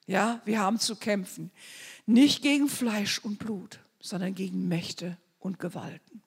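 Husky fervent woman preaching in a hall. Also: mid-range voice, a little slow. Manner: fervent, swinging between loud declarations and hushed asides. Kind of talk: sermon. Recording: long hall reverb.

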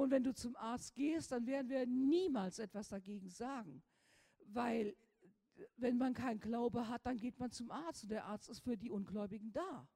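Fervent woman preacher, reverberant hall. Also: a little high. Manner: fervent, shifts from quiet confiding to loud commanding. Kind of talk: sermon.

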